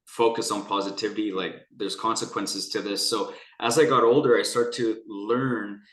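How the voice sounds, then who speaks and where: A young Canadian man with a lowish voice tells his own story in a frank conversation, speaking at a normal pace with fairly even intonation. He rambles earnestly and restarts often. He's a guest, and the room sounds echoey.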